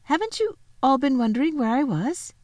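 A woman voicing an earnest, kind-hearted, excitable little girl in a children's storybook, speaking eagerly and emphatically. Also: mid-range voice, normal speed, dry recording, natural voice. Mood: excited, insistent. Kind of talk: children's storybook read aloud.

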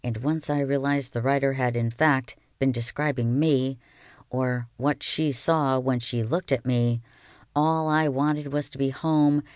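A reader narrating a novel aloud in a calm, even storytelling manner. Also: mid-range voice, clear, resonant tone, no echo, studio quality. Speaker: audiobook reader.

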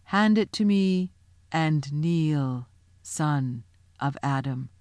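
A woman voicing a great male lion who speaks slowly and solemnly. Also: low voice, lively intonation, darkish tone, no room sound, full character voice. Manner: slow, solemn.

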